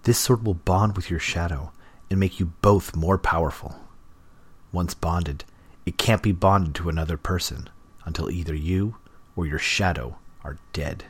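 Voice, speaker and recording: A cold crime boss who gives curt, commanding orders, as a man voices him for a storybook. His voice sits extremely low and sounds husky. He rarely wastes a word. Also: unhurried, exaggerated voice.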